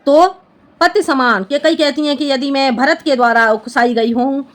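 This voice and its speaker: High-voiced woman teacher explaining a poem. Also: fairly even intonation, moderate pace. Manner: explains line by line, often checks understanding. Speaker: Hindi teacher. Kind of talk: classroom-style poem explanation.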